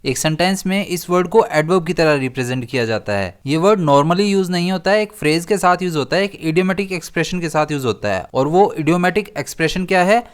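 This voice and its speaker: A man teaching an exam-prep vocabulary lesson, listing words steadily and slowing down to read definitions. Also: fairly high pitch, animated, clean tone.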